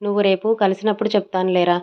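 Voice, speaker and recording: A woman's voice: medium pitch, flat delivery, racing, natural voice. A woman voicing a blunt, dismissive young man in a dull lo-fi audio story recording. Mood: offhand. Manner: curt and dismissive.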